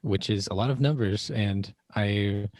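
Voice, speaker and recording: A man's voice: on the low side, a little slow, darkish tone. A man in his late twenties hosts a podcast with friendly, easygoing chat. The sound is dry and close, with no room echo. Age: 20s. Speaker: podcast host. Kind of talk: casual chat.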